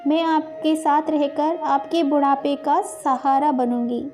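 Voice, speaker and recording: A woman's voice: sits high, dark tone. A woman voicing a pleading unborn baby girl. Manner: pleading, tender.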